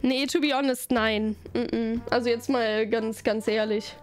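A woman's voice: fairly high pitch, fairly even intonation, unhurried, soft background music. A woman streamer chatting casually with her live audience, bubbly and giggly, rambling from one thing to the next.

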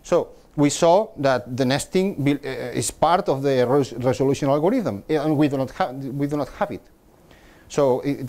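A middle-aged man with a mid-range, darkish voice presents a technical talk to a meetup audience. In the room there's a projector screen, and the conference speaker often repeats words and starts over while explaining.

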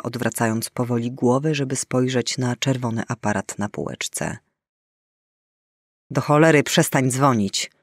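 Male audiobook narrator, expressive storyteller, mid-pitched, bone-dry close recording. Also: dry recording. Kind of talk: scripted narration.

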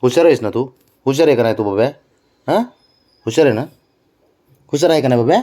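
A man's voice: medium pitch, quick pace, mellow. A man chatting casually with his pet cats in a coaxing, teasing way, scolding them playfully. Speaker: pet owner.

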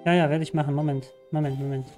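A man commenting live on his video game, chatty and excitable, often exclaiming. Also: a little high, racing. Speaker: let's play gamer. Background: game music.

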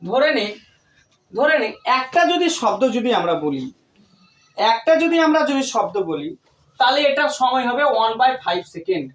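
In a tuition classroom, a woman tutor explains her lesson step by step and frequently asks her students questions. Her voice sits high and is very animated at a moderate pace, recorded from a distant mic in an echoey room with faint noise.

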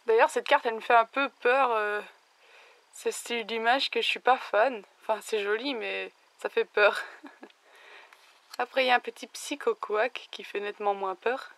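A young woman with a slightly raised pitch and an unhurried pace talks through a card opening. Her voice carries a faint hoarseness left over from an illness. She is chatty and quick to exclaim over the cards she likes. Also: steady tone, fairly bright tone, no room sound. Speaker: YouTuber opening trading cards. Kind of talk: casual card-opening commentary.

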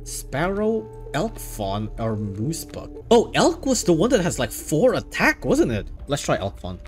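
A man playing a video game, reading its text aloud and reacting excitably as he plays. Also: a little high, a little slow, faint music behind. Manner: excitable, bursts into laughter and exclamations. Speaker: gaming YouTuber.

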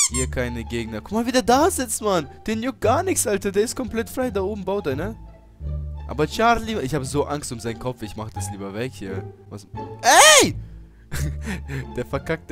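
A young man giving excited gameplay commentary, swinging from low mumbling to sudden shouts. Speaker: gaming streamer. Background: game music.

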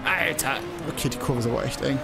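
A young man hosting a let's play talks fast in a medium-pitched voice, rambling over a racing game and cursing and exclaiming at the track. Game music can be heard behind his voice.

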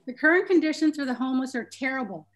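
A woman speaking in a council meeting, sharp, combative and sarcastic. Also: sits high, animated, fast. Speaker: board member. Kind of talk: public comment at online meeting.

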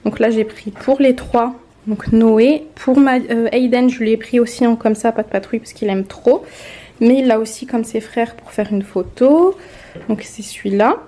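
A woman's voice: a little high, normal speed, dark tone. A woman in her twenties from France, chatting casually to viewers while showing a grocery haul at home. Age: 20s. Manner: chatty, addresses viewers directly. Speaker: vlogger. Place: indoor home room, off camera.

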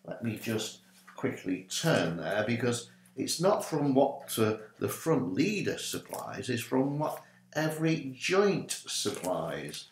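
Sitting in his small home study, an older man who serves as a minister talks to his webcam in a medium-pitched voice, taking his time. The room echoes and there's a faint hiss or hum, and he gestures animatedly with both hands through this off-the-cuff, informal teaching talk.

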